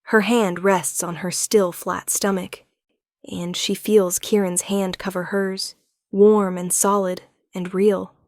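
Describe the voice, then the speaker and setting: A woman giving smooth, unhurried scripted narration of a romance story. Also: medium pitch, level tone, darkish tone, no room sound, clean studio sound.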